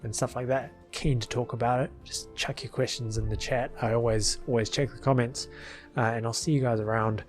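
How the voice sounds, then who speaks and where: Still partly numb in the mouth after a dental visit, a middle-aged man offers loose, self-deprecating commentary over a film edit he's made. His voice is mid-pitched and fairly even in intonation, a little on the fast side, with music playing behind him.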